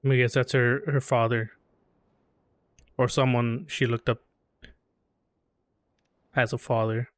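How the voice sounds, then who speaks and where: A man streaming a game, making loud, joking offhand comments. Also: mid-range voice, flat delivery, takes it slowly, dry recording. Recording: stream mic over game music.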